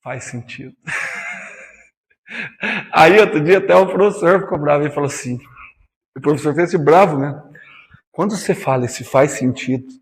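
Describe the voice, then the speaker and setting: A man's voice: fairly high pitch, huge pitch swings, unhurried, long pauses, long reverb tail. A man teaching physics in a classroom lecture with a Brazilian Portuguese accent, chatty and teasing, calling students by nicknames.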